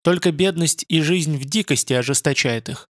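A man's voice: on the high side, moderate pace, no room sound, studio quality, natural voice. A man voicing a grave, proud female spirit being who speaks in a solemn, reserved way.

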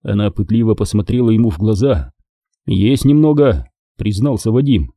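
A man narrating an audiobook with expressive reading. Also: on the low side, fairly quick, no echo, studio quality. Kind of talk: scripted narration.

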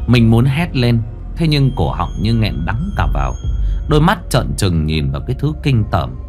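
Low, expressive male ghost-story narrator. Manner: dramatic, expressive.

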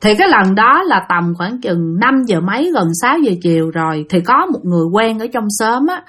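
A woman's voice: medium pitch, very animated, normal speed, fairly bright tone, husky. A woman telling ghost stories in a chatty, vivid way, addressing her listeners directly. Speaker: storyteller. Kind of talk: casual spooky storytelling narration.

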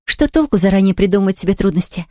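A woman reading aloud, voicing an eager, chatty young girl who talks in quick exclamations. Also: medium pitch, animated, mellow, no echo, studio quality, natural voice. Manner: breathless, rapid, exclamatory.

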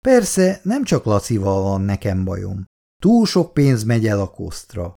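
A man voicing a worried, sighing middle-aged mother who frets over her grown children, raising his gravelly voice higher. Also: big pitch swings, mellow, full character voice. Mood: fretful. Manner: fretful, sighing.

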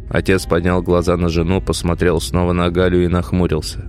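A man narrating an audiobook in a measured, dramatic reading. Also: deep voice, completely flat delivery, darkish tone, soft background music. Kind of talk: scripted narration.

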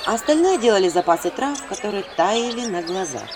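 Lively woman reading a story aloud. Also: medium pitch, brisk, noisy background. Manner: lively, acting out quotes. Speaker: audiobook narrator.

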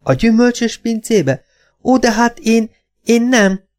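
A man voicing a frail but domineering old mother in an audiobook, indignant and shrill. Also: expressive. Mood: commanding. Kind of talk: audiobook character voice.

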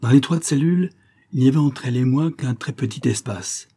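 Guy narrating an old short story, dark husky voice, pretty low, lively with the dialogue. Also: fairly quick. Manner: expressive first-person storytelling with lively quoted dialogue. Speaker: audiobook reader. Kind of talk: scripted literary narration.

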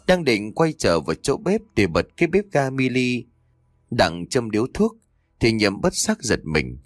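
A man narrating a dramatic audio story in a scripted, expressive reading on a close mic. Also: fairly low pitch, no echo.

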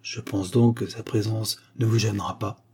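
A man reading aloud and voicing a jovial, good-humoured elderly professor with a husky voice. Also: on the low side, little pitch movement, moderate pace, darkish tone. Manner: cheerful, exclamatory.

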